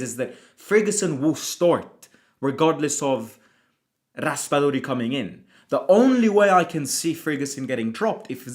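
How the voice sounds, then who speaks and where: An Italian man with a mid-range voice chats casually on his football fan channel's livestream, going through viewer comments. He talks a lot, with frequent restarts, self-interruptions, and repeated words.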